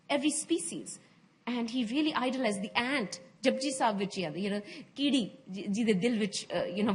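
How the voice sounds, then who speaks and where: A woman making earnest, halting remarks at a conference Q&A, often restarting her sentences. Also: sits high, a little hiss or hum. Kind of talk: spontaneous Q&A remarks. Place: university conference room.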